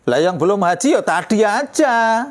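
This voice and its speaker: A man, teaching a relaxed religious lesson as a kiai, chatty and joking, quoting Arabic verses. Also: high voice, moderate pace. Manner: chatty, jokey, laughs often, quotes Arabic verses. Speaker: kiai teaching a kitab study.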